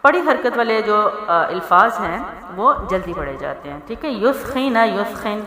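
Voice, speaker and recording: A woman teaching tajweed rules, spelling out letters and vowel marks and drawing out the recited words slowly, often asking if her listeners follow. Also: medium pitch, very animated, a crowd in the background. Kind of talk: tajweed lesson. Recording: echoey room with long reverb.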